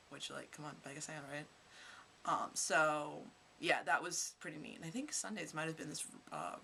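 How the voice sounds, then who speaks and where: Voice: medium pitch, pushed and bright, slight background noise. A teenage vlogger from Kentucky telling rambling stories to camera in a casual, chatty way. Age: teens. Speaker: vlogger, high school student.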